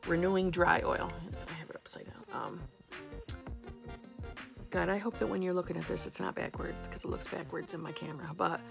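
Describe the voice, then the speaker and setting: Woman vlogger, New York accent, gravelly fry, sarcastic and blunt, faint music under her. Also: fairly low pitch, a bit bright. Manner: blunt, sarcastic, swears casually. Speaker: beauty vlogger. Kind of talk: casual chat to camera. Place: home, indoors.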